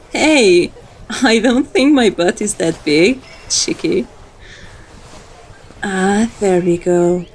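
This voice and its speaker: Voiced by a woman, a dominant female vampire talks in a relaxed, dark, mid-range voice at an unhurried pace. Flirtatious and teasing, she pulls the listener close with intimate endearments, ASMR-roleplay style.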